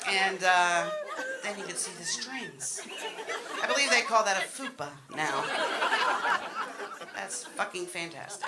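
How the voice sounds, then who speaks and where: Brash woman comedian over a loud, laughing crowd. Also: medium pitch. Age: middle-aged. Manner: brash, bawdy, sweary, self-deprecating. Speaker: stand-up comedian. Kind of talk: live stand-up comedy set, storytelling. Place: comedy show in front of an audience. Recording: noisy live room with loud audience laughter. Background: loud crowd laughter and noise.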